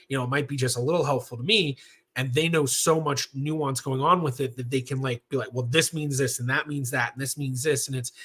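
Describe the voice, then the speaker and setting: A man's voice: medium pitch, a bit bright. A man in his thirties, a professional genealogist hosting a casual livestream Q&A, talking in a chatty, rambling way with lots of fillers. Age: 30s.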